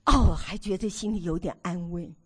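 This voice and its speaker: A woman in her sixties preaching to a women's meeting, telling stories from her own marriage with animated, theatrical delivery. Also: on the low side, moderate pace, husky. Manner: animated storytelling, acts out her own past nagging. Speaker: women's ministry speaker.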